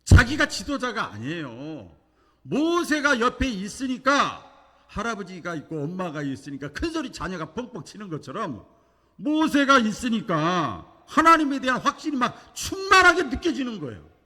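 Animated pastor preaching in a reverberant church. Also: male voice, high voice, normal speed. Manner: animated preaching, acting out quoted voices with big swings in loudness. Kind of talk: sermon. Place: church sanctuary. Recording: long church hall reverb.

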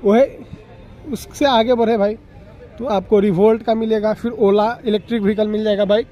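High-voiced young man touring an expo. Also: fairly even intonation, normal speed, highs cut off. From Bihar, India. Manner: chatty, keeps addressing viewers as brother. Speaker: auto vlogger. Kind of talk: walkaround vehicle review vlog. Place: outdoor expo grounds. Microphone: phone camera at arm's length.

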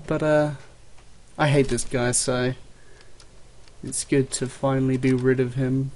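Slow-talking man doing casual game commentary. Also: medium pitch, level tone, darkish tone. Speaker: let's play host. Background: video game ambience and gunfire.

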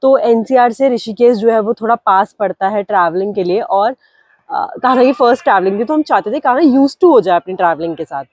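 A woman's voice: a little high, expressive, fairly quick, a little mellow, breathy edge, no echo. A young woman in her twenties chatting upbeat in a travel vlog, filming herself outdoors at a hillside campsite on a handheld phone. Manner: chatty, upbeat, mixing English words into Hindi. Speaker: vlogger. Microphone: phone held at arm's length.

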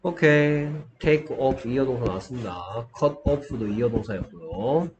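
A man teaching English in Korean, explaining a dialogue and reading example phrases in careful, slow English with a Korean accent. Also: mid-range voice, a little mellow, muffled recording. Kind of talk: online English lesson.

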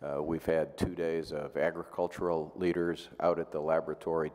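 An older man introducing himself as a university program director at a panel, measured and list-like. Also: extremely low pitch, a little mellow. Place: large hotel ballroom meeting. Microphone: table microphone. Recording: long reverb of a big hall.

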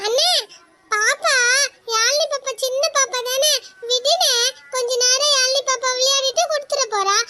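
A performer voicing a gentle cartoon boy who comforts a crying little girl. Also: very high voice, normal speed. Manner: soothing, coaxing. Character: kind gentle young boy, caring cousin.

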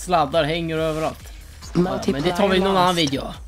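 A gamer giving excited, boastful, trash-talking commentary while playing, over a headset mic with game music behind. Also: medium pitch. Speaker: let's play gamer.

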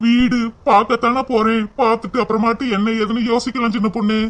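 A man voicing a polite young husband in a cartoon, quickly declining an offer of food. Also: extremely high pitch, little pitch movement. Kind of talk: cartoon voice acting.

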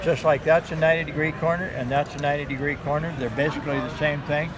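A middle-aged man with a somewhat high voice gives a hands-on sales demo at a busy indoor gun show. He talks in steady, instructive patter and repeats the same simple tips. A crowd murmurs loudly behind him, recorded from a camera close by. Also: fast talker. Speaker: knife sharpening demonstrator. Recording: noisy crowded show floor. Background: crowd chatter.

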